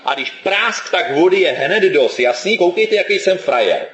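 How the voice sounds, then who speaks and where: A man's voice: high voice, expressive, a bit bright, roomy sound, muffled recording. A preacher voicing Moses as a boastful, then stammering old male prophet, quoted with mocking exaggeration.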